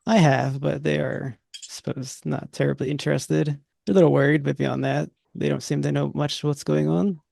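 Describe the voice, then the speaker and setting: A man running a tabletop horror game, speaking for a university official in a relaxed, conversational way. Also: a little high, normal speed, creaky, dry recording, studio quality. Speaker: game master. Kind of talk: narrating and voicing characters in a tabletop game.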